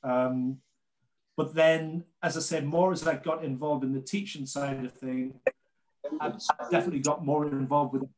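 A ski brand rep in his late forties, from North East England, guest-presents on a video call in a relaxed, conversational manner. His Geordie-accented voice sits mid-range, and the audio quality is poor.

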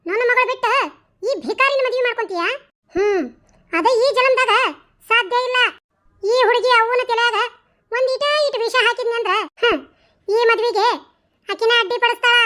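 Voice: very high-pitched, bright, forceful tone. A performer voicing a sly, plotting village woman in a cartoon story. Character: scheming village woman Laxmakka.

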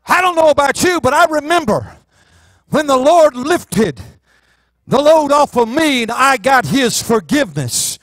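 A man's voice: very high voice, sing-song, unhurried, no room sound. A pastor in his forties with a Southern US accent, preaching impassioned to his church on a handheld microphone. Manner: impassioned preaching, rising to shouts. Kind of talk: sermon. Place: church sanctuary stage.

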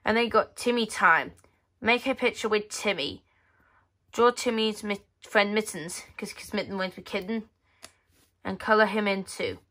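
Her voice sits at a medium pitch with a sharp tone, and she speaks at a moderate pace. She's hosting a flip-through of a magazine at a table indoors, chatting about each page, quoting passages, and stumbling and restating her thoughts along the way.

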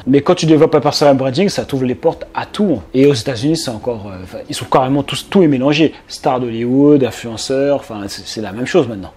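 A man's voice: mid-range voice, dark tone. A man from France, a business coach, talking casually and directly to his viewers, with lots of fillers and restarts. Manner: chatty, informal, speaks directly to the viewer, many fillers and restarts. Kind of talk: casual video commentary to the viewer.

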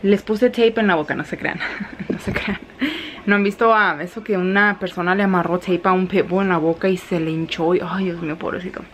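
A woman's voice: on the low side, steady tone, a little fast, fairly bright tone, a little hiss or hum. Thirties woman, Mexican accent, chatty home vlogger, laughs a lot, slips in English. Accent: Mexican Spanish. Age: 30s. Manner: chatty, mixes English phrases, laughs often. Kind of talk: casual vlog chat. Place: home kitchen while cooking.

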